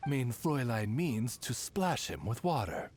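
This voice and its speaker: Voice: mid-range voice, very animated, a little slow, very noisy. An actor voicing a gallant, formal talking raven familiar. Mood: courtly.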